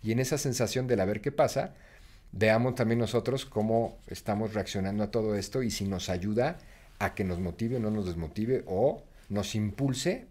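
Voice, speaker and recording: Mexican guy, kinda low voice, chatty and encouraging, nudging people to try stuff. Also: a little mellow. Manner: reflective, encouraging, urges listeners to act. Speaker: guest speaker. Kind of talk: casual conversation.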